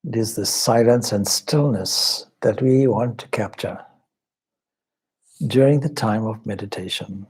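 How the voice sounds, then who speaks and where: This man, a spiritual teacher, leads a guided meditation at a measured, contemplative pace, pausing at length. He has a husky, lowish voice that is a little mellow.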